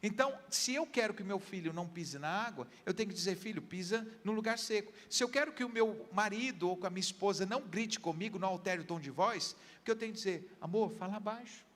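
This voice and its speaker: High-voiced Brazilian pastor in a hall. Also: male voice, lively intonation, fast, hardly any pauses, fairly bright tone. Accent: Brazilian Portuguese. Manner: earnest teaching with everyday examples. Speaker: pastor, guest. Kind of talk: counseling talk on a church program.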